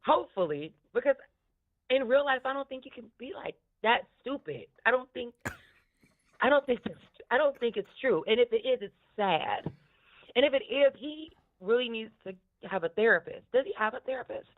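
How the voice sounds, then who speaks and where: Over a thin, tinny phone line, a woman with a smoky voice that sits on the high side talks casually about podcasts at a normal speed. She's animated and candid, curses freely, and laughs a lot.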